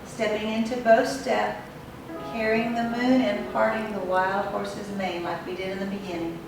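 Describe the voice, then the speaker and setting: A woman's voice: mid-range voice, little pitch movement, gravelly. Woman instructor in a very echoey room. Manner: unhurried, instructive, short measured phrases. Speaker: tai chi instructor. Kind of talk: step-by-step guided movement instruction. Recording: very echoey room, distant mic, music behind.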